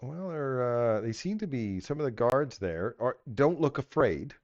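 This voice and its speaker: A man running a tabletop game as game master, narrating casually and making it up haltingly as he goes. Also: mid-range voice, expressive, a little mellow, dry recording. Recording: slightly dull, muffled audio.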